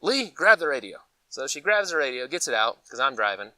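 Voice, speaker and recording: Fairly quick and mid-range, the voice belongs to an American man from Colorado who hosts a preparedness gear channel and chats in a casual, rambling vlog style. He tells folksy, animated stories with acted-out asides. The recording, made from a distance, has no room sound.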